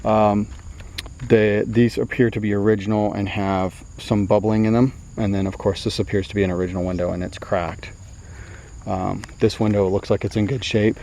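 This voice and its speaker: A classic car dealer with a lowish voice walks around an old car outdoors, chatting about it casually at a normal speed. His delivery is flat and easygoing, rambling with many fillers, and loud outdoor noise fills the recording.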